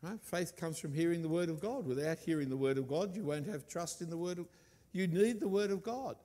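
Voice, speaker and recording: A man preaching a sermon, stressing and repeating key words with deliberate emphasis. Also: a little high, mellow, in a large hall.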